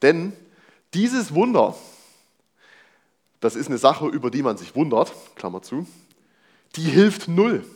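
Lively, casual man preaching a sermon. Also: a little high, takes it slowly, long pauses, slightly rough. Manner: lively, conversational preaching with rhetorical questions and casual slang. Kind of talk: sermon reading and explaining a Bible passage.

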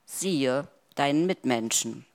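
A man preaching a sermon in a solemn, measured way with dramatic pauses. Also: mid-range voice, lively intonation, gravelly.

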